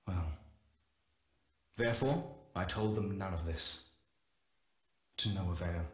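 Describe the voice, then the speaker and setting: A low-voiced male scientist recounts his journal entries in a measured, solemn way. The delivery is steady and sober, like a recorded game log, and the voice rings out in a roomy space. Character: Corpus scientist recounting a wild animal. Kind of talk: scripted game audio-log narration.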